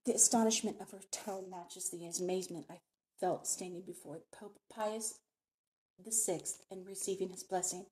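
A woman librarian reading the first chapter of a novel aloud in measured, expressive narration. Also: on the low side.

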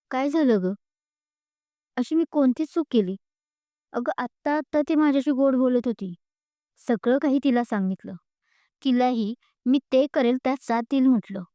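A woman voicing an anxious, upset young male student who pleads in a low, hushed way, in a spoken storybook. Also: a little slow, pauses often, dry recording, clean studio sound. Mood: anxious, pleading.

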